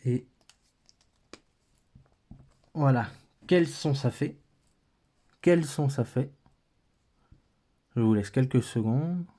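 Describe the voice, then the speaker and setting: A man's voice: mid-range voice, extremely slow, long pauses, warm tone. A man with a French accent teaching a patient, step-by-step lesson, thinking aloud as he writes.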